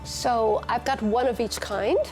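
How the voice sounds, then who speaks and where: An older woman talking about her life in an interview, reflective and unhurried. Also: fairly high pitch, fairly even intonation, soft background music. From United States. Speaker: teacher and community leader.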